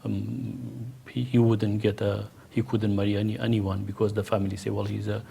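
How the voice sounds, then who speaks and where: Gravelly-voiced middle-aged man from Iraqi Kurdistan. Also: fairly low pitch, flat delivery, moderate pace, dark tone, a little hiss or hum. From Kurdish region of Iraq. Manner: hesitant, many restarts and fillers. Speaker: panel guest. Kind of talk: panel discussion.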